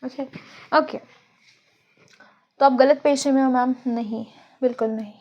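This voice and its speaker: A young woman from India teaches a biology lesson in a loose, joking manner, thinking aloud as she goes. Her voice sits high and she speaks at an unhurried pace, stretching out words as she dictates notes. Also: fairly even intonation, highs cut off. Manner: chatty, jokey, thinks aloud, dictates slowly. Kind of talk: casual Hinglish classroom lecture.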